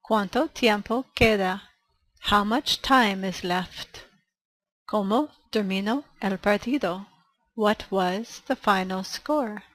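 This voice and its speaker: An English teacher gives a bilingual language lesson, reading each line carefully at a very slow, deliberate pace and pausing after every phrase. Her voice sits at a middle pitch, and the audio is poor.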